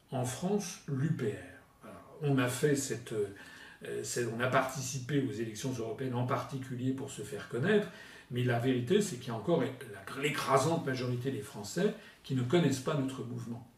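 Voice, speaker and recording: A man's voice: mid-range voice, darkish tone. A man answering as a political spokesman, hesitant with many fillers and restarts. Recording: echoey room from far off.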